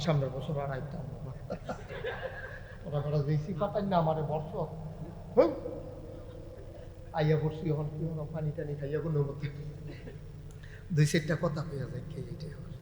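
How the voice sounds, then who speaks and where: Man, sermon, sing-song preaching, high voice, long hall reverb. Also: slight background noise. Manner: sing-song preaching, rising to loud calls and dropping to soft banter.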